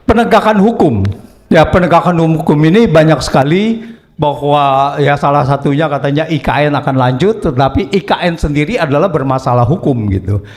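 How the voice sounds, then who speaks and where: A man with a notably high voice gives political commentary. He explains points carefully, one step at a time, and often pauses on small fillers. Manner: measured explanation with frequent fillers like "eh" and "gitu". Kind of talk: analytical commentary.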